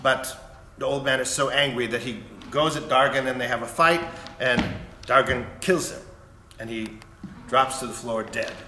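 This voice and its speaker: A man's voice: medium pitch, normal speed, sharp tone. A man, a conductor, casually retelling an opera plot and briefly acting out the characters' lines. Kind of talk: casual spoken introduction. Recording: echoey room with faint noise.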